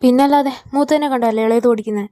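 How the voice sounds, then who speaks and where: A woman's voice: a little high, quick pace, mellow, no room sound, clean studio sound, close to an everyday voice. A woman with a Malayali accent voicing an exasperated mother who scolds her children in a fan audio drama. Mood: scolding. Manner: nagging, scolding.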